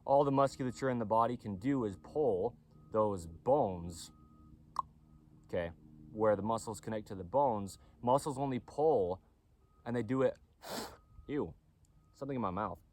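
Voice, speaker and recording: In this clip, a clothing company owner explains anatomy, giving a casual on-camera lecture about body mechanics. His voice is fairly low, warm, and a little slow, with lively intonation, and he repeats himself, constantly pausing to ask "okay?"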